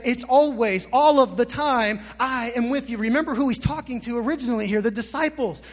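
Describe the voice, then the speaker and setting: Male pastor mid-sermon, high voice, fervent, long hall reverb. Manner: impassioned, builds to emphatic peaks, asks the congregation questions.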